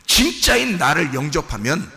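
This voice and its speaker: A male pastor preaching a sermon, swinging from low murmurs to shouted peaks and acting out the inner voices of his listeners. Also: very animated, normal speed, creaky. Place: church sanctuary. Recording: long church hall reverb.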